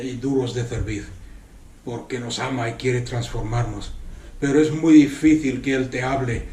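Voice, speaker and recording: A man's voice: mid-range voice, a little mellow, roomy sound, far from the mic. A man from Spain preaching a sermon, earnest, repeating words for emphasis and asking rhetorical questions. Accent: Spanish from Spain. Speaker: pastor.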